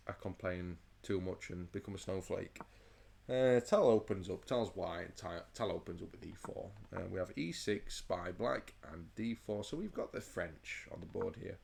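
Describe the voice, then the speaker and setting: A man with a very deep voice talks through a chess game in a loose, rambling way. His tone is gravelly, with plenty of vocal fry. He stammers and restarts often, sounding overheated and sweaty. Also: moderate pace. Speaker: chess channel host. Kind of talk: casual chess game commentary.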